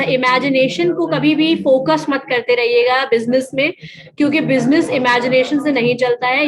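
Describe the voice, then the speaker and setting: A woman's voice: high voice, low-quality recording. A woman giving a classroom lecture in Hindi mixed with English, asking her students questions and answering them.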